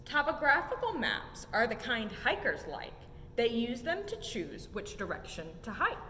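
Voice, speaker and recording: Speaking at normal speed, a young woman reads a children's picture book expressively for museum story time, her voice high-pitched, sing-song and very animated. She rides the rhymes with emphatic rises and falls, recorded in a reverberant exhibit room with low rumbling noise.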